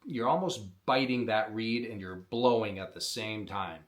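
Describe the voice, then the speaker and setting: A man's voice: lowish voice, normal speed, heavy background noise. A man teaching how to use an open reed predator call, explaining in a plain, practical way. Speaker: call maker teaching coyote calling. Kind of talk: instructional demonstration.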